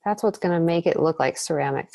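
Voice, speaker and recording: A woman teaching a painting demonstration, thinking aloud in a relaxed, chatty way and breathing heavily as she works. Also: low voice, fast talker, vocal fry, no echo. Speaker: painting instructor. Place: art studio.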